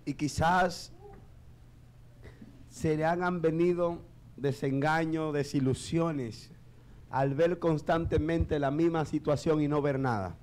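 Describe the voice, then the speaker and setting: A male pastor, preaching a sermon in church and swinging between shouted peaks and quiet low asides. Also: fairly even intonation, takes it slowly.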